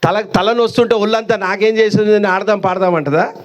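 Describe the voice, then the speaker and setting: Man, very high-pitched, sermon in a church, storytelling, acts out voices, rises and drops sharply. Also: dull audio. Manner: storytelling, acting out voices of mother and son; swings between high exclamations and low drawn-out lines. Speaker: preacher. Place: church hall.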